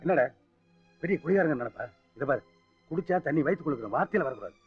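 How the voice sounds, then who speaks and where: A man's voice: a little high, lively intonation, rapid-fire, breathy edge, no echo, soft background music. An actor playing a proud, hot-tempered foster father scolding his son. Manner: scolding, commanding. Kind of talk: film drama acting. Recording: dull film soundtrack.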